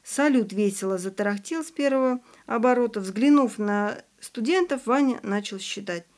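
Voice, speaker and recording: A woman narrating an audiobook in a calm, even storytelling voice. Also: fairly high pitch, normal speed. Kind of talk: scripted narration.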